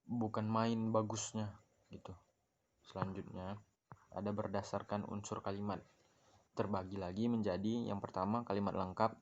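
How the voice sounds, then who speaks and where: A man's voice: fairly low pitch, a little mellow, highs cut off. A young man, a student, reads a grammar lesson aloud from his notes, with small stumbles and self-corrections. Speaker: student presenting a class assignment.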